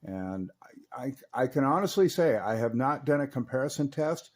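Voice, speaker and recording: This man, a radio repairer and video host, chats about technical repairs and products in a relaxed, folksy manner. His mid-range voice moves at normal speed with lively intonation.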